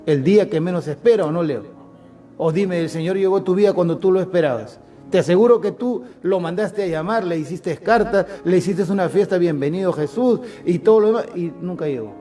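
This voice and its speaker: A man preaching a sermon as pastor, often stopping to ask listeners by name and slowing down to a soft voice to make his points. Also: high-pitched. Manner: addresses listeners by name, asks many questions; slows down and drops to a soft voice for emphasis.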